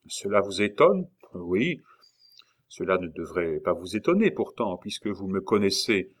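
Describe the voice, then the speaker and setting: A deep-voiced man performs an audiobook character, an exasperated royal jester-envoy who is impatient and sharp-tongued. He raises his voice above his narration, and his delivery is very animated, a little slow, exaggerated, and sarcastic.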